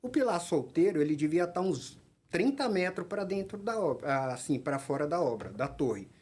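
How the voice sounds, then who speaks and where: Husky Brazilian man telling stories. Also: a little high, normal speed. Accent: Brazilian Portuguese. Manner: animated, acts out dialogue in his stories. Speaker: podcast guest, workplace safety technician. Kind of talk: anecdotal storytelling in a podcast interview.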